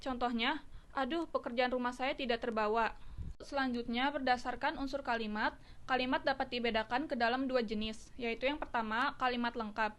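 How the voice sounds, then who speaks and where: Brief: woman student presenter, slightly high voice, steady list-like reading. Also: brisk.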